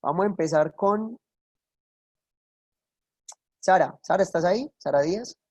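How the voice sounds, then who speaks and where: A woman's voice: on the low side, expressive, darkish tone, no echo, highs cut off. Dry-sounding woman teacher. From Colombia. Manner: affectionate, coaxing, explains slowly with examples. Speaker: English teacher. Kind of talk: online class instruction.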